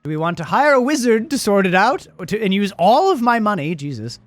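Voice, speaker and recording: A man giving casual, animated playthrough commentary, thinking aloud as he plays and reads out game text. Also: high-pitched, a little fast, no echo.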